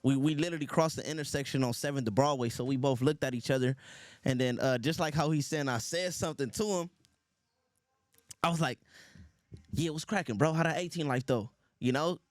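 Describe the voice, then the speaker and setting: A man's voice: a little high, brisk, no echo, clean studio sound. Laid-back rapper man from Los Angeles. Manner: laid-back street slang, frequent laughs and "you feel me". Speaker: guest rapper. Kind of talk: casual storytelling interview.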